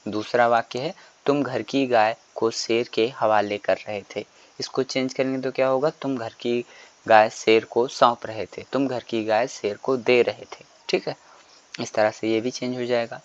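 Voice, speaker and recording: A man's voice: medium pitch, fairly even intonation, normal speed. Male teacher, patient step-by-step explainer who keeps quizzing the class, dull lo-fi recording. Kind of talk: textbook lesson explanation.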